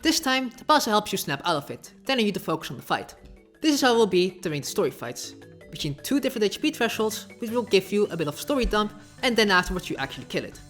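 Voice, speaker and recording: Fast-talking sarcastic woman essayist. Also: medium pitch, big pitch swings, faint music behind. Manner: sarcastic, offhand asides. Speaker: video essayist. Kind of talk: casual video essay narration.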